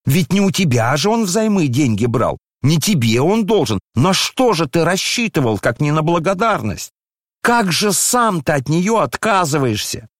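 A man's voice: a little high, no echo, studio quality, pitched above the performer's own voice. A man reading an audiobook voices a fiery, indignant older noblewoman with scolding outbursts.

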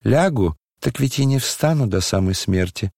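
A man reading an audiobook voices a frail dying young man, hoarse, quiet and tired, almost whispering. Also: medium pitch, animated, normal speed, no room sound, studio quality. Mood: quiet, weary.

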